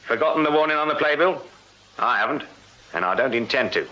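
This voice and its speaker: An actor playing a shrewd, firm Victorian police sergeant with an English accent, brisk, courteous and wry, in a radio drama. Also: male voice, medium pitch, lively intonation, bright, forceful tone. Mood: wry, intent. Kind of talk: full-cast radio drama acting. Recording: slightly dull radio drama recording.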